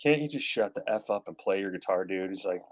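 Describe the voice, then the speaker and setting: A man's voice: low-pitched, expressive, quick pace. A man in his fifties chatting casually as a guest guitarist, rambling with gear-nerd enthusiasm. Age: 50s. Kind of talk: casual chat.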